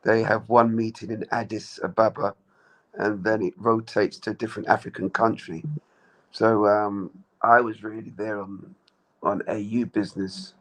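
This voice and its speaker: A man from Jamaica, giving measured, plain-spoken answers as an interview guest. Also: fairly low pitch, little pitch movement, rough recording.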